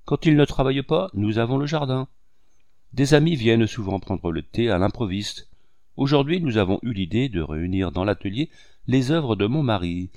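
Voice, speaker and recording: A man reading a gracious, gently ironic wife. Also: mid-range voice, expressive, moderate pace, no room sound, close to an everyday voice. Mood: chatty. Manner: affectionate, lightly ironic.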